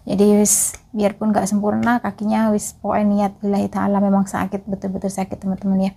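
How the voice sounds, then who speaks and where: Gravelly, husky woman vlogging. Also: medium pitch, monotone, fairly quick, warm tone. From East Java, Indonesia. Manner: chatty, keeps addressing viewers as friends. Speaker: migrant caregiver vlogger. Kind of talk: casual vlog storytelling.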